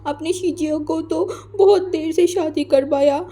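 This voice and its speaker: A woman's voice: a little slow, mellow. A woman voicing a sulky young man who pouts and whines about being married off. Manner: whiny, pouting, high and shrill when upset. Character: sulky young groom, whiny and tearful.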